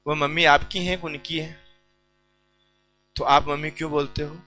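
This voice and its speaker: A man's voice: fairly high pitch, level tone, unhurried, pushed and bright, soft background music, poor audio. A man teaching a class in a joking lecture style, teasing the students and talking straight to them. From India.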